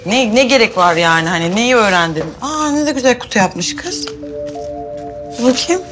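Actress playing an excitable pregnant housewife. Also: female voice, on the high side, moderate pace, over music, close to an everyday voice. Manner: animated, talks to herself a lot. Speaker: pregnant wife. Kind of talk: TV drama acting.

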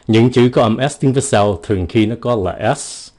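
Guy doing a chatty pronunciation lesson, kinda low voice, warm and mellow. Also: moderate pace. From United States. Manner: chatty, joking, stretches out example words. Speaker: English pronunciation teacher. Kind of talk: casual video lesson.

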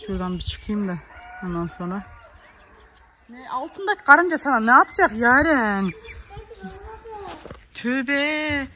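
A woman's voice: on the high side, lively intonation, measured pace, pauses often, pushed and bright. Chatty woman vlogging in an echoey room. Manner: chatty, often calling out to her children. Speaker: vlogger and mother. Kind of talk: casual home vlog chat. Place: home, kitchen and yard. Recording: echoey room with background noise.

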